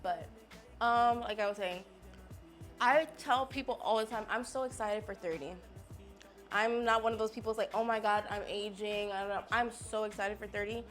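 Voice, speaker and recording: A woman's voice: mid-range voice, fairly even intonation, moderate pace, a bit bright, soft background music. A woman, chatting casually and sassily to viewers while testing makeup. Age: 20s. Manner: chatty, sassy, talks straight to viewers. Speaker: beauty vlogger. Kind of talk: casual makeup haul chat.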